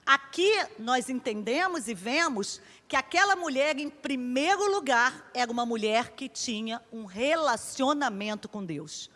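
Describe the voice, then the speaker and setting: A woman's voice: high voice, lively intonation, measured pace, few pauses, a bit bright, in a large hall. A woman pastor with a Brazilian Portuguese accent preaching a sermon, telling stories in a conversational way and acting out the dialogue.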